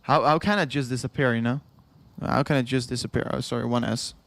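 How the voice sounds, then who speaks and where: A young Dutch host with a Dutch accent runs a long, casual crypto livestream, his medium-pitched voice gravelly and a bit bright, with fairly even intonation. He talks fairly quickly on a recording with no room sound. Worn down after hours on air, he rambles, repeats himself, chuckles frequently and reads chat out loud.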